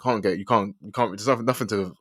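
A man's voice: lowish voice, fast talker, fairly bright tone, slightly rough, dry recording, studio quality. A young man with a London accent hosting a casual, slangy sports chat, often repeating and rephrasing himself. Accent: London, urban slang. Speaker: podcast host.

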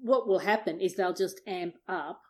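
A woman's voice: on the low side, normal speed. A woman on a call, chatting casually about a book and commenting on passages she reads aloud. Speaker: discussion partner.

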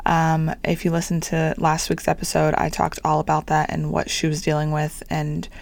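A woman in her twenties hosting her own podcast in a casual, rambling chat. Her voice is raspy, deep and sore, and she talks in a low-key, flat way. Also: normal speed, no echo. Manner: low-key, flat delivery with little enthusiasm; rambling and chatty, with frequent fillers and small laughs. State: hoarse. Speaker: podcast host and small business owner. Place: home on a busy downtown street.

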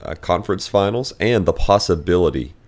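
Deep-voiced man on a low quality stream. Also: expressive, fairly quick, a little mellow. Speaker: podcast host. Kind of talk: casual sports talk, reading news items. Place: away from usual studio, on vacation. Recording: low quality stream, improvised holiday setup.

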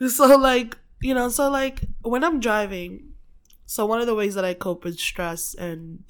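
A woman's voice: fairly high pitch, steady tone, unhurried, clear, resonant tone. A woman from the Philippines chatting casually as a podcast guest, laughing often, swearing freely and filling gaps with um and like. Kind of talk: casual chat.

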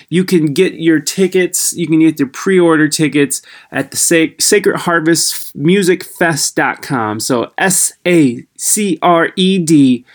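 Male podcast host, mildly high, halting and rambling, voice sits a bit high, tinny laptop-mic sound. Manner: rambling, halting, loses his train of thought. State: a little high. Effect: recorded through a laptop's built-in microphone, tinny. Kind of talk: casual podcast intro. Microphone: laptop built-in microphone.

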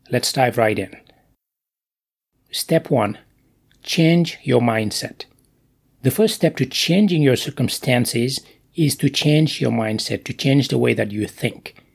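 Gravelly, husky male motivational host. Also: medium pitch, darkish tone. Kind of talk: motivational monologue.

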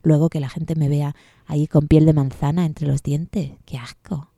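A woman's voice: low-pitched, little pitch movement, moderate pace, dark tone, dry recording, clean studio sound, pitched below the performer's own voice. A woman storyteller voicing a bored, snooty teenage girl who talks in a sullen, dismissive, slangy way. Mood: scornful.

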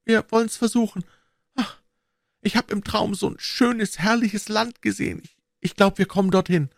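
A man's voice: high-pitched, normal speed, vocal fry, dry recording, voice pushed up. A man voicing a frightened little girl. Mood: dreamy. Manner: pleading, tearful. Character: frightened young girl lost in a cave.

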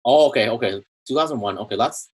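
A man hosting a casual podcast interview, reading his intro slowly, then chatting with fillers and soft trailing endings. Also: mid-range voice, slightly rough. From Canada. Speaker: podcast host.

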